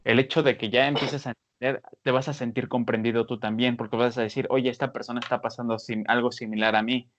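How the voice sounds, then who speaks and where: A man giving casual advice on a podcast, animated, with many fillers. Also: medium pitch, fast, few pauses. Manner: animated, many fillers, acts out scolding voices. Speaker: podcast panelist. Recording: dull lo-fi sound.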